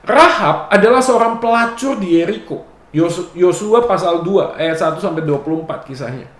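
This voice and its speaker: A man with a high voice preaches a relaxed Bible exposition and drops little jokes along the way. He keeps tagging his phrases with a casual "ya", and a roomy echo hangs around his words. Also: normal speed. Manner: casual and joking, often adds "ya". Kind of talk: conversational Bible exposition sermon.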